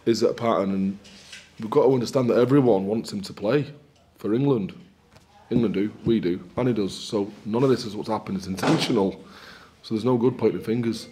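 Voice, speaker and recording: A man in his forties, a rugby head coach answering post-match questions at a press conference in a candid, measured, upbeat way. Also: on the low side, warm tone, a little hiss or hum. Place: small indoor press room in front of a sponsor backdrop.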